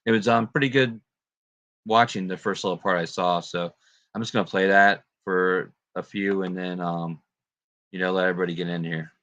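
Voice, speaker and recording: A man's voice: low-pitched, fairly even intonation, moderate pace, fairly bright tone, dry recording, highs cut off. A man hosting a casual livestream, greeting viewers and chatting in a laid-back way with plenty of fillers and laughs. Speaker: livestream host.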